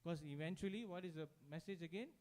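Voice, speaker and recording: A man's voice: a little high, fast talker, darkish tone. A man teaching a devotional singing workshop, who talks conversationally, breaks into sung examples and keeps checking in with his audience. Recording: music playing behind.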